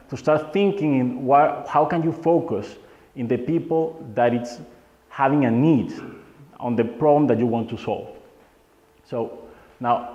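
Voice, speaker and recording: A man's voice: medium pitch, a little mellow. A young man from Venezuela, giving a live workshop lecture in loose English and quizzing his audience. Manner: loose, non-native phrasing, asks the audience questions. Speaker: workshop speaker. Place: meetup hall. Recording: roomy, muffled hall recording.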